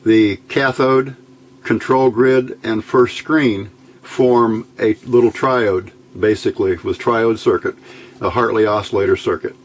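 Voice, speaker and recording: This electronics hobbyist works at an indoor bench, giving an informal hands-on demonstration in short, thinking-aloud phrases. His lowish voice is unhurried with fairly even intonation. Noise runs through the home-video recording.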